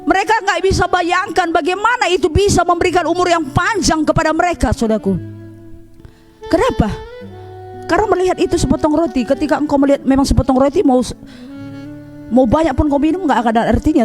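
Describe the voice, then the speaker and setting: Woman evangelist, lively storyteller in the pulpit, faint music bed. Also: sits high, fast. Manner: animated storytelling, keeps addressing listeners as brothers and sisters. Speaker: evangelist preacher. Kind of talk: sermon.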